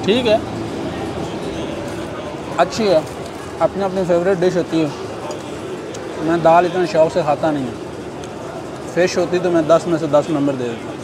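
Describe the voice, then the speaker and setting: A chatty Pakistani travel vlogger, tired after riding all night, talks to a selfie camera held at arm's length, first beside a highway and then in a roadside restaurant. His voice is on the high side, unhurried and full of pauses, and he keeps saying "jo hai na" and calling viewers brothers. A clip-on mic picks up traffic noise behind him.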